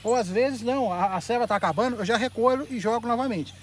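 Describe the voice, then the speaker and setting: A man with a Brazilian accent doing excited live fishing commentary outdoors at a pond, talking straight to his viewers and repeating his catchphrases. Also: extremely high pitch, quick pace, a little hiss or hum. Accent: Brazilian Portuguese. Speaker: fishing vlogger.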